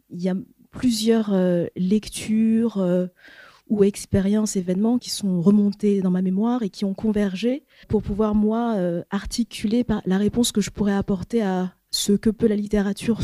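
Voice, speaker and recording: A woman from the audience speaks slowly and reflectively, pausing often on "euh" as she builds her thought. Her voice is mellow and darker in tone, and the sound is close and dry. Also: mid-range voice, steady tone, no echo. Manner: careful, reflective, with many hesitations. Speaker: audience member sharing a reflection. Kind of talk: audience comment at a public talk.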